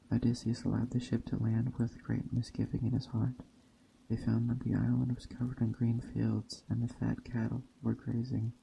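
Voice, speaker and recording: A storyteller reads a Greek myth aloud in a very monotone, measured way, sometimes tripping on a word. His mid-range voice is dark and soft-edged with a gravelly creak, in a rough recording with slight background noise.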